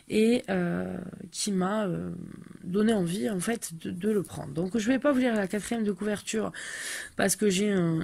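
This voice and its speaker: A woman's voice: on the low side, gravelly, a little mellow, breathy edge. A woman in her thirties chatting casually through a tarot deck review, hesitant and full of fillers.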